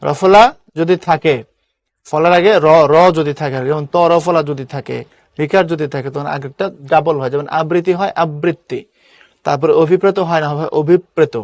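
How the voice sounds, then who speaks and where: A man's voice: fairly high pitch, a little fast, dry recording. A young man teaching an online class, explaining step by step and repeating key words as drills.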